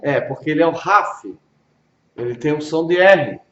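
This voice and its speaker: Brazilian guy teaching hebrew slow, kinda high voice, echoey room and dull audio. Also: a bit bright. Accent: Brazilian Portuguese. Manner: patient, repeats pronunciations slowly, checks understanding. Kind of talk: informal one-on-one language lesson.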